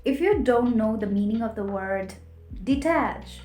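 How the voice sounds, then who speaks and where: Her voice is on the high side, expressive, mellow, and a little slow. She's a young Nepali vlogger, Nepali as her first language, presenting scripted advice with emphasis, tip after tip, in an echoey room with faint music in the background.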